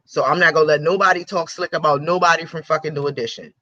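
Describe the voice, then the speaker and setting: Heated, profane radio host ranting. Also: male voice, a little high, fairly even intonation, quick pace, bright, forceful tone, no echo. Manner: blunt, profane and heated, with repeated phrases. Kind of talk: ranting celebrity commentary. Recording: dull lo-fi recording.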